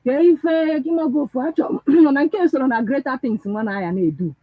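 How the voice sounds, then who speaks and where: A man's voice: very high voice, brisk, no room sound. A man with a Nigerian Igbo accent on a radio panel, speaking mostly Igbo and pressing questions that draw on scripture. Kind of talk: casual radio talk mixing Igbo and English. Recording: tinny phone-line radio audio.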